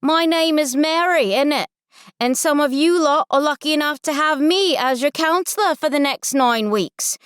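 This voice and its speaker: A woman voicing a bossy tall teenage girl camp counselor with a British accent, speaking brisk and blunt. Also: high-pitched, no room sound, studio quality, voice pushed up. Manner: brisk, blunt, shouting through a megaphone.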